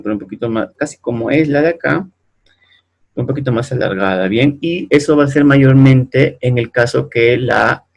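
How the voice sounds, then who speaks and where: A man's voice: mid-range voice, vocal fry. A man teaching French pronunciation in a lesson, patient and repetitive, often checking in with the learners. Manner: patient, repeats words slowly, ends sentences with "¿no?" and "¿bien?". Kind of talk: explaining French pronunciation to Spanish speakers.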